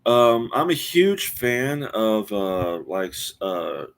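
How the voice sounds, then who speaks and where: A man in his forties talks casually to a live-stream audience in a lowish voice. He rambles and stops often, filling gaps with "uh" and "um" and restarting his sentences as he thinks out loud. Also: very animated, vocal fry, clear, resonant tone. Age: 40s. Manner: rambling, halting with many fillers and restarts. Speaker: streamer host.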